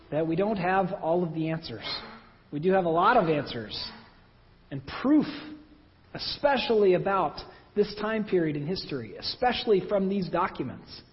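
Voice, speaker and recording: A man preaching a sermon in a church, talking in a conversational way with self-deprecating asides. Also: high-pitched. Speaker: pastor. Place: church hall. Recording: dull sound with long hall reverb.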